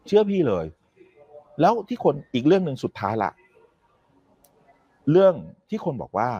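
Husky guy explaining money stuff, real lively up-and-down voice, keeps going "right?". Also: mid-range voice, muffled recording. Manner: emphatic, keeps asking "right?" to the listener; confident, makes firm predictions. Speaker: economic commentator. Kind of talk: casual explanatory talk.

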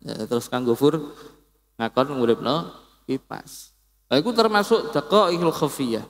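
A man's voice: fairly high pitch, expressive, measured pace. A man giving a casual religious study lecture as an Islamic teacher, in a homely, teasing way with everyday examples. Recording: long echo of a reverberant hall.

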